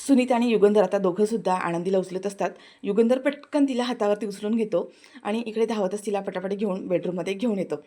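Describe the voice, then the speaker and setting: A woman with a Marathi accent, talking through a TV serial episode as a casual recap. Her voice sits at an everyday middle pitch, and she slips into short acted lines for the characters as she goes. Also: mellow. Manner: retells scenes, briefly acting out characters' lines.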